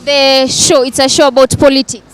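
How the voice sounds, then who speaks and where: A woman's voice: sits high, flat delivery. Woman reporting from a street. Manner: brisk, polite questioning. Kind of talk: vox pop interview. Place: city street outdoors.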